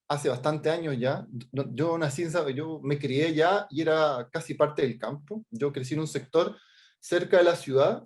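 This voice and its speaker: Fairly high in pitch and a little mellow, this voice comes from a middle-aged Chilean man who is an artist and teacher. His informal video-call workshop talk about his work is hesitant, packed with fillers and restarts, and punctuated by frequent "¿ya?" check-ins.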